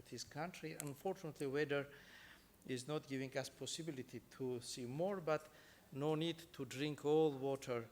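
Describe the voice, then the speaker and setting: A man with an Armenian accent giving an earnest, somewhat halting speech as a judge moderating a conference panel. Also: mid-range voice, a little hiss or hum. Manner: earnest, halting non-native phrasing.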